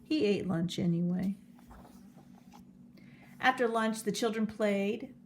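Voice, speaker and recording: A woman reading a children's picture book aloud, telling the story slowly and clearly. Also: mid-range voice, slight background noise. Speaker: storybook reader.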